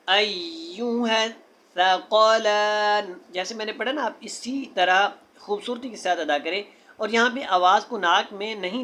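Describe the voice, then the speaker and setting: A Quran teacher giving a tajweed lesson, spelling out sounds letter by letter and chanting the verses slowly and melodically. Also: mid-range voice, bright, forceful tone.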